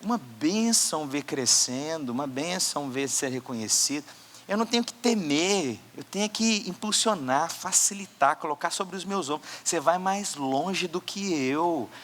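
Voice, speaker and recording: A man preaching a sermon as pastor, swinging between loud exhortation and quiet asides. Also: fairly high pitch, animated, normal speed. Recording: church hall with long reverb.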